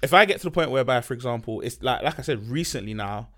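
A man's voice: mid-range voice, animated, fast, a bit bright. A man with a London accent talking candidly and casually on a podcast, full of slang and repeated emphasis. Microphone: podcast microphone.

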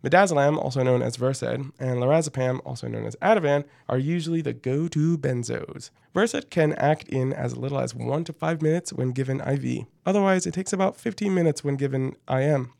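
Creaky-voiced man presenting, very dry sound. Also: mid-range voice, a little fast, hardly any pauses, darkish tone, dry recording. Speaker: medical podcast co-host. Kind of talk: scripted educational podcast narration.

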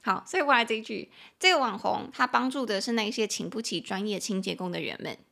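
Bright, gravelly-voiced woman teaching English. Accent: Taiwanese Mandarin. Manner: chatty and playful, spells out words slowly, bursts into high acted quotes. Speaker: podcast host teaching English. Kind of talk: casual English lesson podcast.

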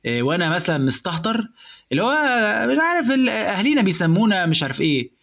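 A young man with an Egyptian accent, explaining in casual chat how to build a stand-up joke, animated and mixing in English words. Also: high voice, racing. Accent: Egyptian Arabic.

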